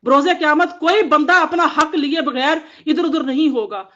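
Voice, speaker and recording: Earnest woman preaching, high voice. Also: fairly bright tone. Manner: earnest, exhorting, lists in repeated phrases. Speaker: Islamic teacher giving Quran commentary. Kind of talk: devotional talk to women. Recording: dull lo-fi audio.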